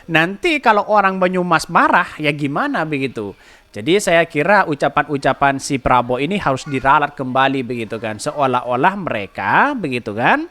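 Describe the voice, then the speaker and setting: A man's voice: fairly high pitch, very animated, moderate pace, bright, forceful tone. A man hosting a podcast, giving a rambling political commentary full of rhetorical questions and repeated filler tags. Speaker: podcast host.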